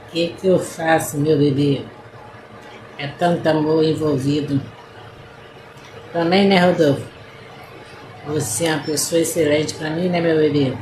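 Comic lovesick woman, voiced by a woman, slightly low, syrupy and doting, over faint room noise. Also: roomy sound. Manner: syrupy, cooing, drawn-out endearments. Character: lovesick adult woman sweet-talking several lovers. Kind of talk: comic voice-message sketch.

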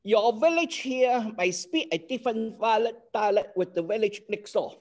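This older man from Hong Kong, a native Cantonese speaker with the local accent, teaches an online class by video call at a moderate pace. His voice sits high, and his explanatory, earnest manner includes frequent "okay?" check-ins.

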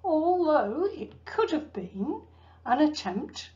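A woman giving a history lecture, telling the story in a measured way with asides to her listeners. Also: sits high, very animated, warm tone, muffled recording. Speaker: cruise ship enrichment lecturer. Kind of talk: history lecture over slides.

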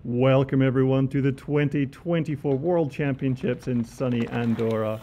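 Male race presenter, warm and gravelly, breezy voice-over commentary. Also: medium pitch, fairly even intonation, moderate pace, slight background noise. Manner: upbeat, chatty, laughs between remarks. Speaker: mountain bike race presenter. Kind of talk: voice-over course preview commentary.

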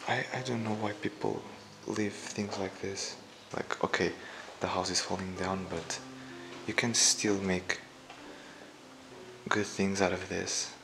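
A man quietly commenting as he explores a dark abandoned house, half-whispering at times, recorded on a handheld camera. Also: deep voice, fairly even intonation, slow, vocal fry, background noise. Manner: hushed, half-whispered remarks. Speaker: urban explorer.

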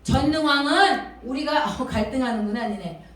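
A woman preaching a children's sermon in a church, animated and sing-song, quizzing the kids directly. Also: high voice, moderate pace. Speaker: Sunday school teacher. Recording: echoey hall from far off.

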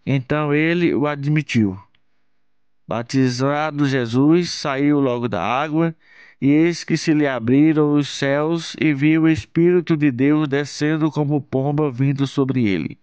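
A man from Brazil, hosting his channel, reads a Bible passage aloud in a slow, measured, solemn way. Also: on the high side, a little mellow, clean tone, no echo. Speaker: channel host reading scripture. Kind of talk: Bible reading.

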